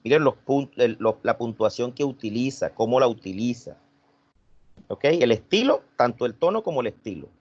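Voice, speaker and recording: A man's voice: mid-range voice, expressive, normal speed, darkish tone, breathy edge, dry recording, lo-fi sound. A man teaching an online class, repeating himself and questioning students.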